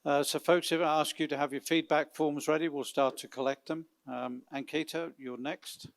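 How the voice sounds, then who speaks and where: A man's voice: fairly high pitch, steady tone, normal speed, vocal fry. A man hosting an event, making casual announcements to the participants. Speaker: event host.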